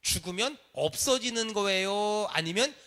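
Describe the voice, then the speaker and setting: A man's voice: high voice, animated, measured pace, sharp tone. A man preaching a sermon in a church, leading the congregation in call and response. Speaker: pastor. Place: church sanctuary.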